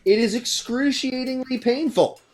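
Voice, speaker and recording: A man's voice: extremely high pitch, moderate pace. A man narrating as game master of a tabletop game, slipping into menacing speeches for the people he describes.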